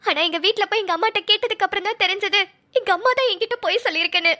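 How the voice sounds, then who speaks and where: Woman doing a pleading young cartoon wife, shrill and high. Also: racing, pushed and bright. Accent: Tamil Nadu colloquial Tamil. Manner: pleading, apologetic.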